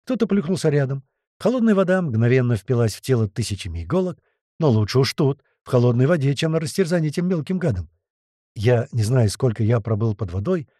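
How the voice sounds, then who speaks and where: Lively dark-voiced male audiobook narrator. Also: mid-range voice, slightly rough, no room sound, studio quality. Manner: lively, vivid storytelling. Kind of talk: first-person audiobook narration.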